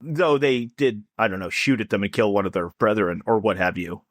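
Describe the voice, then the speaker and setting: A man co-hosting a casual comedy podcast, telling a folklore story in a jokey, lively way. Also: brisk, dry recording, clean studio sound. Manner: lively, jokey storytelling with big pitch swings.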